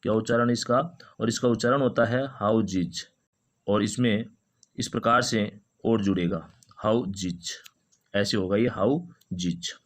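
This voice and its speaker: A man teaching an English phonetics lesson, repeating each word slowly several times. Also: on the low side.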